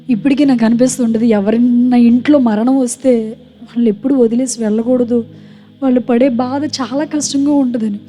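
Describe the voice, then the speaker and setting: A young woman shares her personal testimony before a live church gathering, earnest and courteous toward the listeners. Her voice sits a little high but very dark and mellow in tone, with faint music underneath. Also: dull audio. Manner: earnest, polite address to the congregation. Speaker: testimony speaker at a church meeting.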